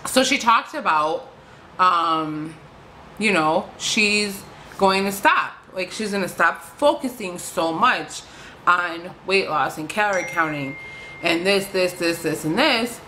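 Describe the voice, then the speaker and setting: A woman's voice: fairly low pitch, lively intonation, slow, pushed and bright, a little hiss or hum, poor audio. A woman vlogger ranting casually to camera, frustrated, swearing freely and filling her talk with "like".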